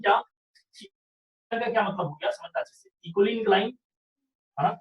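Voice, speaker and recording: High-voiced maths teacher, echoey room. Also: male voice, moderate pace, far from the mic, muffled recording. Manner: explains step by step, often asks "sahi hai kya?". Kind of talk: online revision class lecture.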